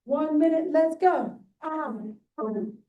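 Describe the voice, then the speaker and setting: High-voiced woman coaching a workshop. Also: slow, far from the mic, narrow, tinny audio. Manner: coaching, encouraging, rhetorical "right?". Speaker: workshop leader and guest speaker. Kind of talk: guiding a movement workshop. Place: event hall.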